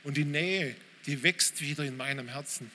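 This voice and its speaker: A pastor preaching a sermon in a church hall, informal and direct, often calling out to listeners with "hey". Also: male voice, on the high side, normal speed, pushed and bright. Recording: reverberant hall, faint room noise.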